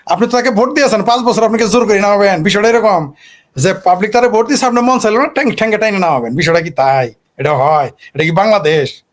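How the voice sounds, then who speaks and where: Man, high-pitched, political commentator, argumentative, rhetorical questions. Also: fast. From Bangladesh. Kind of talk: animated political monologue.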